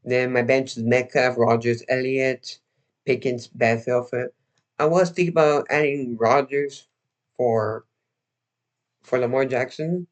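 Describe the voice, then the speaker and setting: A young man hosts a casual livestream, his voice slightly hoarse as though he's losing it. He speaks at a medium pitch with a steady tone, rambling haltingly with lots of restarts and fillers.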